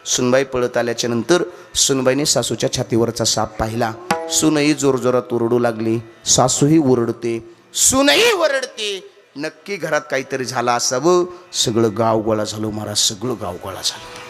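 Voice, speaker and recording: A man preaching a devotional kirtan sermon, telling a comic story, chanting and acting out the characters in lively fashion. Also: mid-range voice, moderate pace, soft background music.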